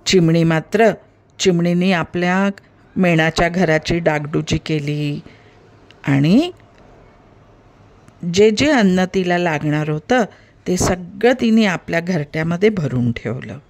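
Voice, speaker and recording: A woman narrating a children's story in a gentle storytelling manner, speaking to young listeners. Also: lowish voice, animated, takes it slowly, pauses often.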